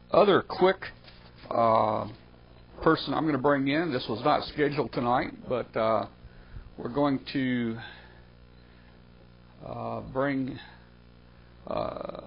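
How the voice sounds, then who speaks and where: Male webcast host, relaxed and unhurried, slightly dull audio with faint hiss. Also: mid-range voice, vocal fry. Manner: easygoing, many fillers and trailing pauses. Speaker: host of ham radio webcast. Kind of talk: live webcast hosting.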